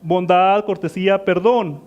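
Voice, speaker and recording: High-voiced preacher questioning his congregation. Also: fairly even intonation, unhurried, a little mellow, dull audio. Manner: asks the congregation questions and answers them; calls listeners "mis amados". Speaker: pastor. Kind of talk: sermon.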